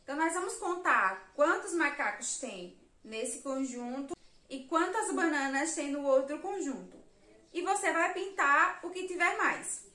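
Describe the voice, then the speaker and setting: Brazilian woman teacher, high voice, slow and patient with young kids, roomy echo. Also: animated, bright, forceful tone. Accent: Brazilian Portuguese. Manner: slow, patient, counts aloud and spells letters for children. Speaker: primary school teacher. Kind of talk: remote lesson for young children.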